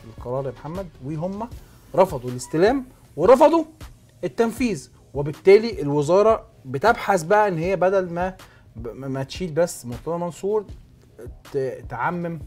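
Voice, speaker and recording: Fast-talking Egyptian sports show host. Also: male voice, on the high side, expressive, darkish tone, soft background music. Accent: Egyptian Arabic. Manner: emphatic, explaining step by step. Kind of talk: sports talk show discussion.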